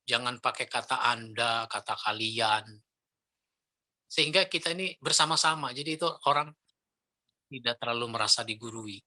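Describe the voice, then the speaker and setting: A middle-aged man lecturing on preaching technique, lively and demonstrating intonation with spoken examples. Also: medium pitch, moderate pace, long pauses. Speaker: Islamic preacher trainer.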